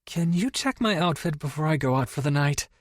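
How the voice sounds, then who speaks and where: A man pitches his voice above its natural level to play a guarded young woman in an audiobook, one who is reserved and easily embarrassed. The result sounds deep but lively and a little fast as she speaks tightly, staying composed yet slightly exasperated, on clean studio audio without echo.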